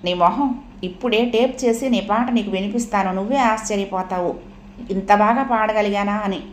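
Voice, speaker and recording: A woman's voice: mid-range voice, normal speed, reverberant, a little hiss or hum, natural voice. A woman voicing a cheerful, affectionate young wife. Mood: eager. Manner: bright and eager.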